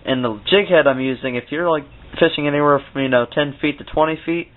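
Talking fast in a fairly high voice, this young Ohio man rambles cheerfully through gear tips while filming his ice fishing outing. The casual outdoor vlog is recorded with a handheld camera's built-in mic, giving it lo-fi, phone-style sound.

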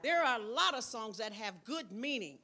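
An older woman preaching as a guest in church, lively with loud bursts of exclamation. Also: on the high side, moderate pace. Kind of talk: sermon. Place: church sanctuary.

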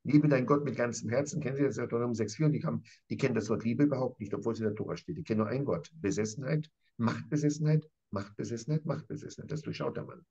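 A man's voice: medium pitch, rapid-fire, few pauses, mellow, breathy edge, highs cut off. A man lecturing as a professor on a Bible passage, emphatic and repetitive, often turning to his interviewer by name. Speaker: professor teaching scripture. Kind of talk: animated conversational Bible lesson.

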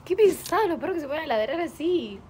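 A woman's voice: high-pitched, animated, fast talker. Young woman, Rioplatense accent, casual playful streamer, noisy mic with a dog barking behind. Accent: Rioplatense Spanish. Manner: chatty, playful, talks to her dog and chat. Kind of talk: casual live-stream chat. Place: home. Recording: noisy home stream audio.

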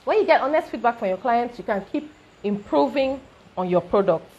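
A woman's voice: on the high side, expressive, fairly quick, darkish tone, breathy edge, highs cut off. A woman with a Nigerian accent, coaching on business growth in an emphatic talk with rising checks like "okay?". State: briefly choking.

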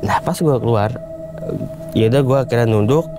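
A man's voice: mid-range voice, moderate pace, music in the background. A young man, telling a tale on a casual talk show and acting out the voices of the people in it. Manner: animated retelling in casual Jakarta slang, acts out quoted voices. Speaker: guest storyteller. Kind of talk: casual storytelling.

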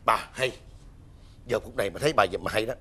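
An actor playing a loud, panicky husband who is boss to his drinking friends, with an exclamatory way of talking. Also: lowish voice, quick pace, husky. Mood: panicked. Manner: excitable, exclamatory.

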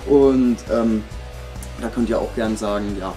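A man's voice: lowish voice, steady tone, a little slow, dark tone, faint music behind. A man in his thirties making a casual giveaway announcement as a channel host, chatting informally and directly to his viewers in a room at home.

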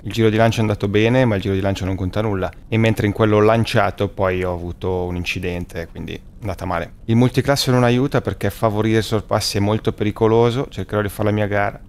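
Hoarse, tired-sounding Italian-speaking man. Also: fairly low pitch. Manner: chatty, addresses viewers as guys. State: hoarse, worn voice after flu. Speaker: sim racing streamer. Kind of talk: casual gameplay commentary. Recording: faint music underneath.

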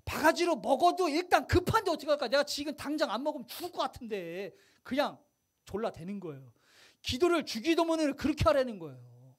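Animated high-voiced Korean pastor preaching. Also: male voice. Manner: animated, conversational preaching with rhetorical questions to the congregation. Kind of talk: sermon. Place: church sanctuary.

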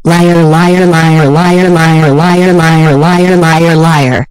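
A shrill, furious cartoon country ball, put on by a man hurls taunts at a rival in a raised, strained voice. Every word comes slowly and deliberately. The recording is dry and close with no room around it. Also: expressive, no room sound, poor audio. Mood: furious taunting. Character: angry country ball accusing a neighbour of theft.

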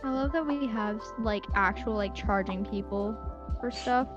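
A woman chatting quickly with friends over voice chat while gaming, mock-indignant as she tells what happened. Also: mid-range voice. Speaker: friend playing the game. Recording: dull lo-fi voice chat with loud music behind.

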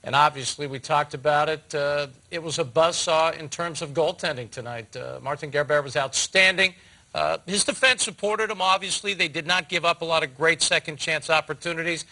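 A man in his fifties hosts a post-game hockey show from a TV studio. He speaks in a measured way and puts questions to his analyst. His voice is bright and slightly high. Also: rough recording. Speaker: studio host. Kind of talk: post-game sports talk. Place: TV studio set.

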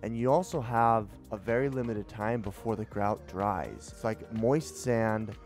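Faint music plays behind a young home improvement vlogger as he casually narrates tiling a small basement bathroom indoors. Fairly low-pitched, a little slow and a little mellow, he chats through tips and candidly admits the mistakes he made.

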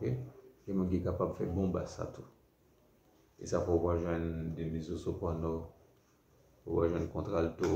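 Deep gravelly Haitian man teaching. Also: mellow. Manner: repetitive, checks in with "ok?". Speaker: music teacher. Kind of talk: classroom lesson. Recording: roomy, dull lo-fi recording with faint noise.

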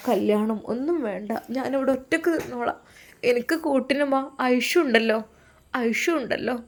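A woman voicing a gentle, downtrodden young woman who pleads softly in a storybook tale. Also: high-pitched, voice pushed up. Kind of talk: storytelling voice acting.

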